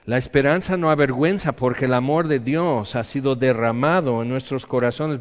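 A man preaching a sermon, swinging between loud emphatic lines and soft quiet ones. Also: medium pitch, long reverb tail, muffled recording. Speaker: pastor.

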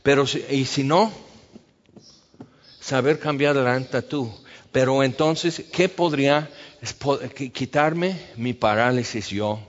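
A man's voice: mid-range voice, takes it slowly. A man preaching a sermon in a conversational way, acting out the voices he quotes. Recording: dull sound with long reverb.

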